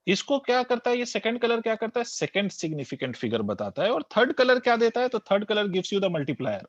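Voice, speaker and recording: A man's voice: sits high, big pitch swings, brisk, no room sound. A male physics teacher, giving a classroom lecture that mixes Hindi and English, quizzing students and repeating key terms. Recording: dull lo-fi dry recording.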